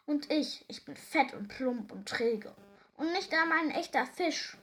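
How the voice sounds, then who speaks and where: A woman's voice: on the high side, lively intonation, unhurried. A woman voicing a sad, whiny male whale in a children's story. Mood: moping. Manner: whiny, moping.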